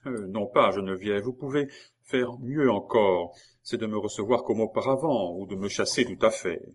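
A man's voice: lowish voice, normal speed, lightly acted. A man reading aloud, voicing a jealous, ardent young man in love with an intense, earnest delivery. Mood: reproachful. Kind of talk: audiobook character voice.

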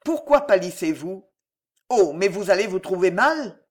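A woman's voice: medium pitch, animated, a little slow. Woman reading as an ardent young nobleman. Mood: ardent earnest. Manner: earnest, ardent.

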